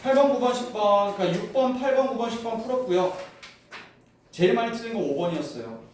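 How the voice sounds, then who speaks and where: A man teaching a classroom math lesson, explaining step by step and firing quick questions at his students. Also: sits high, animated, a little mellow, a little hiss or hum. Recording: echoey room, voice from far off.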